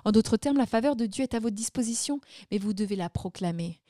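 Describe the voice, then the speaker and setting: A woman preacher delivers her teaching with emphatic, declaring phrases. Her voice sits a little high, and the sound is close and dry with no room echo. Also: lively intonation, a little fast, dark tone. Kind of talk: sermon-style teaching.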